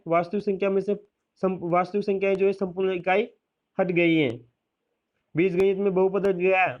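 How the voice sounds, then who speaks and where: A man's voice: high voice, muffled recording. A man teacher, steadily listing a school syllabus and adding reassuring asides.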